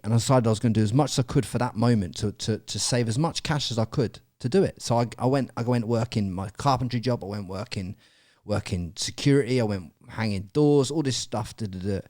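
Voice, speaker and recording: A man's voice: mid-range voice, darkish tone, no room sound, clean studio sound. A man telling a story as a podcast guest, swearing, laughing often and quoting himself. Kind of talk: casual storytelling.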